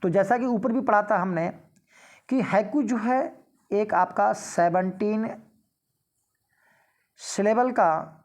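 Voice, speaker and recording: A woman teacher with an Indian accent, slowly explaining exam questions in a lecture, reading each question aloud before explaining it. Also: mid-range voice, darkish tone. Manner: slow, explanatory, reads questions in English then explains in Hindi.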